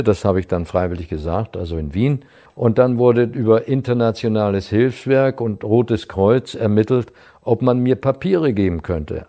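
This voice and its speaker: A man's voice: on the low side, mellow. An older man telling the story of his wartime youth in a vivid way, acting out the dialogue he quotes. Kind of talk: personal storytelling.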